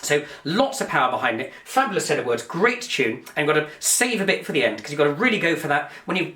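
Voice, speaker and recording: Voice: medium pitch, big pitch swings, fast talker, a bit bright. A singing teacher, coaching through a song with practical, encouraging asides. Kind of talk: vocal lesson with sung demonstrations. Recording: roomy echo with piano behind. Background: piano.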